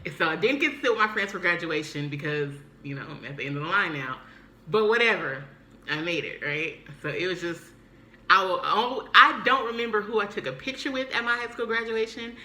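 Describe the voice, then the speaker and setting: A young woman recounts her day in a casual vlog, animated and quick to mimic others. Her voice sits low yet sounds bright and forceful. The room rings with echo, and a faint hiss runs beneath. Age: young adult. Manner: animated, acts out quoted voices. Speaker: vlogger.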